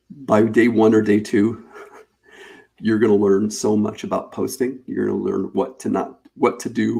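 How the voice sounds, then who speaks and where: A man hosting a live webinar, pitching a paid challenge in a casual, chatty way, repeating and restarting phrases as he goes. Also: creaky, warm tone. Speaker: webinar host.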